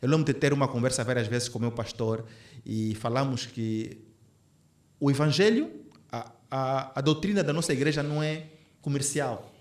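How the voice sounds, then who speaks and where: A man talks earnestly on a podcast, circling back and restarting his sentences as he thinks. His voice sits at an ordinary middle pitch. The room gives it a noticeable echo. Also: normal speed, a little mellow. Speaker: podcast co-host. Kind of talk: casual conversation.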